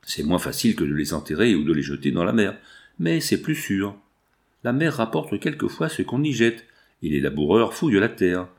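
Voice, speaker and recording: A man's voice: fairly low pitch, sing-song, moderate pace. A man reading a chatty young intern. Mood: musing. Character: young male hospital intern, talkative, jovial.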